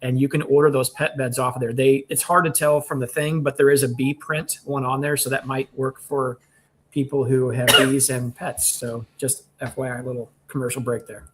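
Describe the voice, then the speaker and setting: A man co-hosts a casual livestream, breaking in with relaxed side comments. His voice sits at a middle pitch, with a faint hiss of noise behind him. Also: moderate pace. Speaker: co-host.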